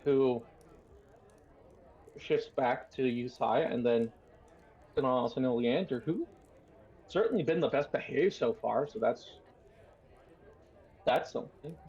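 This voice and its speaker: A gravelly-voiced man runs a tabletop game at a slow, deliberate pace, pausing often on fillers as he narrates. His voice comes through a dull, lo-fi mic. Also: mid-range voice, a little mellow. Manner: unhurried, hesitant narration with many fillers. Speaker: game master.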